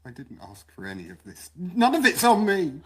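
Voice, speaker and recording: An actor playing an angry, troubled father who shouts at his family. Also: sits high, wildly swooping pitch, normal speed. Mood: despairing. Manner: shouting, bitter, volatile. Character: angry troubled British father, a police officer.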